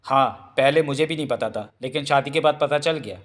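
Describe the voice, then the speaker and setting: A man's voice: fairly quick, lightly acted. A man doing a weary, evasive husband. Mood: resigned. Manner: resigned, low-key, innocent-sounding. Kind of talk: audiobook character voice.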